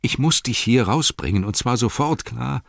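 Loyal, earnest male hobbit servant, read by a man, husky, dry close reading. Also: mid-range voice, lively intonation, moderate pace, no echo, pitched above the performer's own voice. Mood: determined. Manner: earnest, protective. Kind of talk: audiobook character voice.

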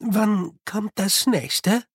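A man voicing an eerily calm, precise young male clockmaker who speaks slowly and evenly. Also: sits high, breathy edge, no echo, studio quality, pitched above the performer's own voice, full character voice.

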